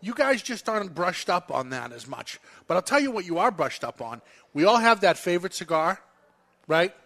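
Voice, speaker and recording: A man's voice: high voice, big pitch swings, normal speed, fairly bright tone. A man hosting a casual radio chat show, arguing his point emphatically and teasing his co-host.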